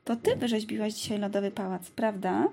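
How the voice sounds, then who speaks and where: A woman's voice: mid-range voice, fairly even intonation, fairly quick, creaky, mellow, a little hiss or hum, natural voice. A woman voicing an eager, stubborn young princess who speaks bouncily and with enthusiasm in a storybook reading.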